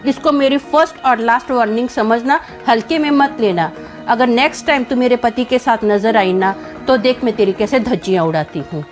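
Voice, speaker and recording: A woman voicing a furious middle-aged wife who scolds and threatens in a sharp tone. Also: fairly high pitch, moderate pace, soft background music, natural voice.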